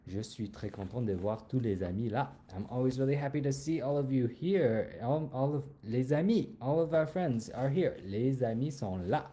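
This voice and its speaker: A man teaching a children's French lesson, slowly repeating words and singing greetings. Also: mid-range voice, mellow. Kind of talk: slow, sung and drilled language lesson.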